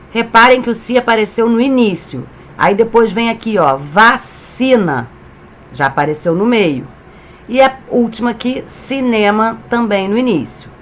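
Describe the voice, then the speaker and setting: A woman teacher with a Brazilian accent, giving a reading lesson to young children and sounding out syllables clearly. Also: a little high, a little hiss or hum. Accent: Brazilian Portuguese. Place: home, reading from a computer.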